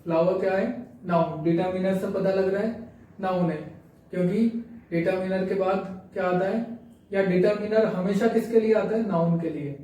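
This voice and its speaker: Male grammar teacher, high monotone voice, mellow tone, recorded far off in a very echoey room. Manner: reads English rules slowly, then explains them in Hindi with question-and-answer prompts. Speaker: English teacher. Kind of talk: grammar lesson explaining examples on screen.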